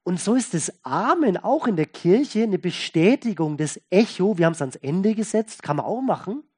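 A pastor delivers a sermon. The tone is folksy and conversational, with key words stressed and repeated, and the voice keeps moving between loud emphasis and soft asides. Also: mid-range voice, animated, moderate pace, slightly rough.

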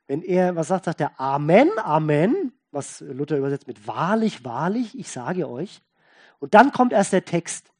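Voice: mid-range voice, lively intonation, normal speed. Emphatic preacher. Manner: emphatic, repeats key words, shifts between loud and soft; folksy and conversational. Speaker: pastor. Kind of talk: sermon.

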